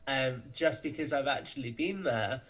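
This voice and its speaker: A young British man chats casually and enthusiastically as a podcast guest, his mid-range voice fairly bright in tone and at a moderate pace. The audio is dull and lo-fi.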